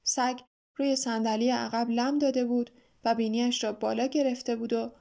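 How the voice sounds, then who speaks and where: A woman narrating a children's story in a calm, even reading voice. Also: fairly high pitch, creaky. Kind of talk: scripted audiobook narration.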